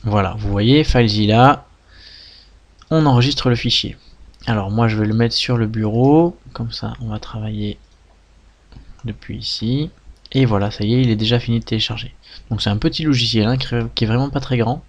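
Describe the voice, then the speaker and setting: A man, patiently walking viewers through a software tutorial step by step, often checking "d'accord?". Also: medium pitch, normal speed. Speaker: web tutorial instructor. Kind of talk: screen-recorded software tutorial.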